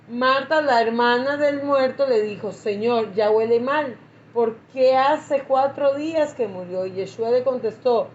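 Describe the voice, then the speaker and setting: A woman pastor teaching a Bible class, reading scripture slowly and repeating phrases for emphasis. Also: high-pitched, darkish tone. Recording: echoey, muffled lo-fi recording.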